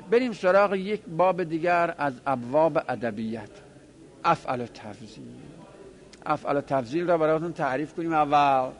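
A man teaching a classroom grammar lesson, explaining step by step and repeating each form aloud, talking to his class directly. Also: on the high side. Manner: conversational, addresses the class directly.

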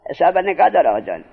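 A man's voice: fairly high pitch, gravelly, slightly rough. A man teaching a grammar lesson, putting questions to his listeners and then answering them himself, drawing out key terms. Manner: drawn-out, stressed key terms. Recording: dull lo-fi recording.

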